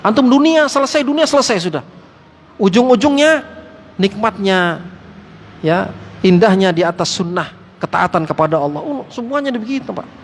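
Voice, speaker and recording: A male Islamic teacher giving a lively study-circle sermon in a mosque, joking with the listeners and calling them Pak and antum. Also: sits high, moderate pace, pauses often. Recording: echoey hall with faint background noise.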